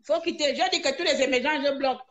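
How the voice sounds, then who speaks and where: Woman live-streamer, high voice, scolding, repetitive rhetorical rant. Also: quick pace, a bit bright. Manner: indignant, scolding, repeats herself with rhetorical questions.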